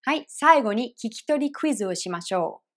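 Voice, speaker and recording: A woman with a slightly high voice leads an online pronunciation lesson. She explains each point carefully and clearly. She demonstrates phrases slowly and repeats them. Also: lively intonation, noisy background. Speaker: English pronunciation teacher.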